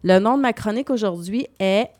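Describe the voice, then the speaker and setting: A woman's voice: medium pitch, brisk, a little mellow, dry recording, clean studio sound. A woman with a Québécois accent presenting a travel column on the radio, explaining destinations and spelling out names. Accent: Québécois French.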